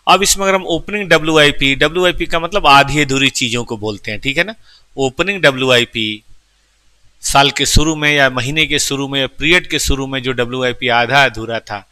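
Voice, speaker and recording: In a lecture class, a man with a very bright, keen, mid-range voice walks through each term step by step, frequently quizzing his students. He speaks to them affectionately, calling them "beta," and the sound is dry and close with no room echo.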